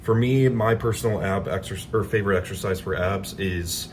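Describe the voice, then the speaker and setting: A man's voice: deep voice, moderate pace, slight background noise. A young man talking casually to camera in a bodybuilding vlog, a little out of breath, rambling with many ums and likes. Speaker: bodybuilding vlogger.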